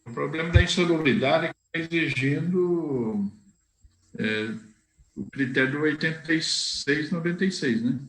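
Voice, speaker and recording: A man's voice: fairly high pitch, a little slow. A man working as a lawyer, explaining rules on a live stream and checking in with tag questions. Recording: roomy echo.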